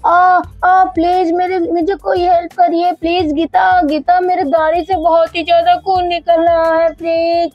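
A woman voicing a young husband who cries loudly for help after cutting himself shaving, in a doll story. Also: high voice, little pitch movement, moderate pace, no echo, muffled recording, faint music behind, natural voice. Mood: panicked. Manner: loud pained cries for help. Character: panicking young husband with a bleeding shaving cut.

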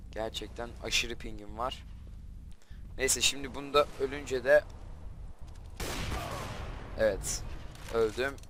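A young man talks over his own gameplay at a middle pitch, the voice of a channel host chatting to viewers. He gets frustrated fast and breaks into exasperated shouts. A light noise sits under the recording. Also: steady tone. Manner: frustrated, quick to flare up and shout at the game. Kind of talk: gameplay commentary.

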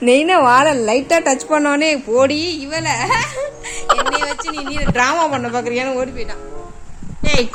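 A woman vlogging about her cats, chatting to viewers and coaxing her pets in a teasing, baby-talk way. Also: on the high side. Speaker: cat-owner vlogger. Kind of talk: casual chat to camera and pets. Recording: music playing under the voice. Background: background music.

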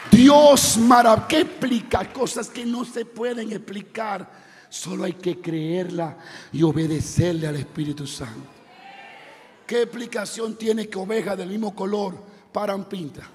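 A male pastor preaching a sermon with impassioned, conversational delivery and shouted exclamations. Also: high-pitched, steady tone, a little slow. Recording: long reverb of a large hall.

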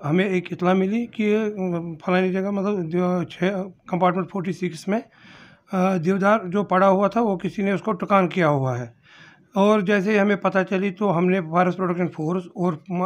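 A middle-aged man, a forest official, answering interview questions in his office into a handheld mic, hesitant and defensive with many fillers. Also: high voice. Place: indoor office. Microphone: handheld mic held in front.

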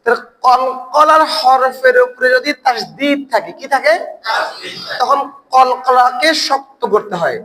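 A man's voice: very high-pitched, unhurried, bright, forceful tone, slight background noise, poor audio. A man teaching an online Quran recitation class. He asks the learners questions, answers them himself and repeats words over and over to drill the pronunciation.

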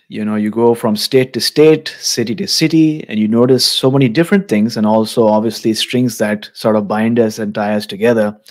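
A man in his thirties hosting a podcast interview, speaking in a thoughtful, measured, affirming way into a studio mic in a small room. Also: mid-range voice, darkish tone. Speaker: podcast host. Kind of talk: casual interview. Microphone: studio mic with headphones.

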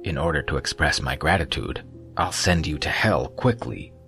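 A young martial hero speaks low and icy with open disdain, in a male narrator's deep voice. Quiet music sits behind the storybook scene. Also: little pitch movement, unhurried. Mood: cold. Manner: cold, sneering.

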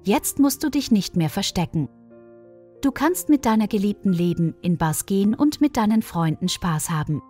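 A woman reading a calm, stern father. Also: mid-range voice, moderate pace, soft background music, lightly acted. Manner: calm, firm.

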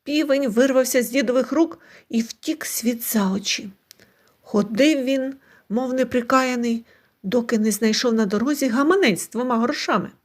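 A woman storyteller reading a folk fairy tale aloud in an expressive, scripted narration. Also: on the high side, moderate pace.

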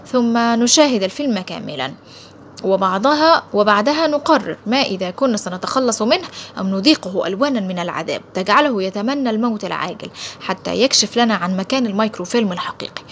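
A woman voicing a hot-tempered, ruthless male colonel who speaks in a sharp, gloating, menacing manner in an audiobook. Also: a little high, slight background noise, natural voice. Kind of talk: audiobook character voice.

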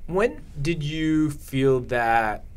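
A man's voice: on the high side, animated, extremely slow, clean tone. A young man hosting an interview podcast, talking casually and restarting his questions as he goes, recorded on a desk mic in a small studio. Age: young adult. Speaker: podcast host. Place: small studio with acoustic foam. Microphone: desk mic on boom arm.

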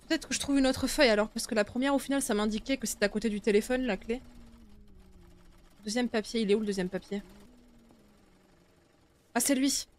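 Higher-voiced young woman streaming. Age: young adult. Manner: informal, chatty, swearing. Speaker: game streamer. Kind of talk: casual live horror-game commentary. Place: small indoor streaming room. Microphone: close desktop streaming microphone.

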